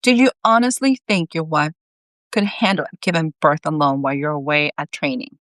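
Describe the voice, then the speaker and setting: A woman reading aloud as Saint Peter, a teasing, sharp-tongued male saint who guides a newcomer. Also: deep voice, brisk, dry recording. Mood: wry. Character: wry, blunt male saint guiding a newcomer.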